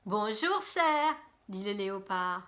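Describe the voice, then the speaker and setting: A woman's voice: medium pitch, very animated, slow pace, a bit bright, pitched below the performer's own voice. A woman doing a cheerful leopard. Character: friendly male leopard visitor.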